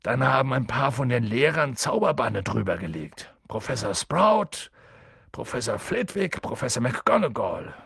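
A man voicing a big, gruff and kindly half-giant groundskeeper in an audiobook, rambling and hesitant with ums. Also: mid-range voice, sing-song, measured pace, fairly bright tone, dry recording, clean studio sound, full character voice. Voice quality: gravelly, husky. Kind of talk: audiobook character voice.

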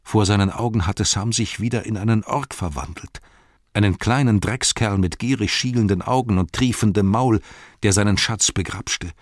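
A man reading a fantasy novel aloud in measured storytelling narration. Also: on the low side, no echo, studio quality. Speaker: audiobook narrator. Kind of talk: scripted narration.

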